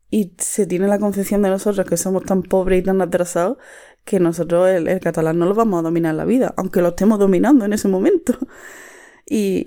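A woman's voice: medium pitch, mellow. A woman from Andalusia with an Andalusian Spanish accent, talking frankly and with feeling on the radio, acting out the voices of the people she quotes. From Andalusia, Spain. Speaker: radio guest. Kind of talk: casual radio talk.

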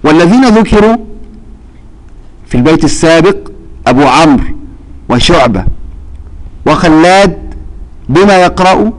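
A man's voice: a little high, expressive, moderate pace, pauses often, poor audio. A man teaching a Quran recitation lesson, explaining step by step and checking with his students that they follow. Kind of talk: classroom lesson.

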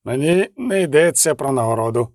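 Man reading a curt storybook captain, dark dry tone, short barked orders. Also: medium pitch, animated, fairly quick, no room sound, natural voice. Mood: irritated. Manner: clipped, irritable orders. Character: curt commanding male knight-mercenary leader.

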